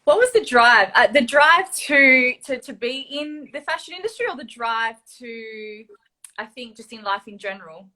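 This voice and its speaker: Guest woman, stylist, bright tone, thoughtful, pauses with ums. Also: a little high, animated. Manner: thoughtful, earnest, many ums. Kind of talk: interview answers.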